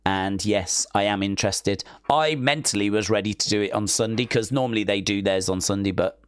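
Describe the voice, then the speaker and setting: A man's voice: on the low side, brisk, clean tone, no room sound. A man co-hosting a wrestling podcast, chatting casually and hesitantly, often trailing off with "I don't know.". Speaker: podcast co-host. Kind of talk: casual chat.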